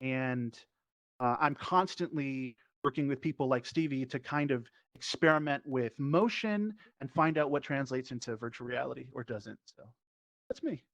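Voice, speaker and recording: Over dull, lo-fi online voice chat at a virtual reality social platform meetup, an improv performer and teacher explains things conversationally as a panelist in the discussion. He speaks at normal speed with a medium-pitched, fairly bright voice, and the recording is dry.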